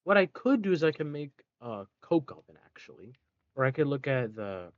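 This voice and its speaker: A man's voice: medium pitch, very animated, normal speed, no room sound, lo-fi sound. A man giving casual gameplay commentary, rambling, correcting himself mid-sentence and dropping sarcastic asides. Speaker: let's play gamer.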